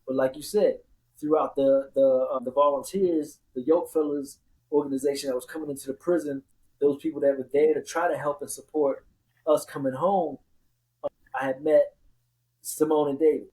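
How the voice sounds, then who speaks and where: A man's voice: fairly high pitch, steady tone, moderate pace, dark tone, rough recording. A man telling his own story in casual conversation as a podcast host, repeating words for emphasis.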